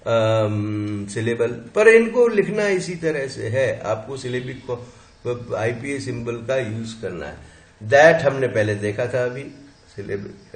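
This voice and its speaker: A man teaching a linguistics lesson, explaining slowly and sounding out syllables one by one as he counts them. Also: medium pitch. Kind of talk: classroom lecture. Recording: echoey room sound.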